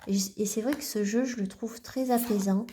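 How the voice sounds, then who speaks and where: A woman vlogger casually showing her card decks, talking gently and haltingly with many restarts. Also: a little high, steady tone, slight background noise. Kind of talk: casual show-and-tell vlog.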